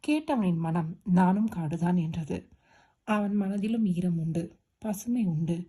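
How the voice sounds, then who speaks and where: A woman narrating a romance novel as an audiobook, with steady, expressive storytelling. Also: lowish voice, unhurried, husky.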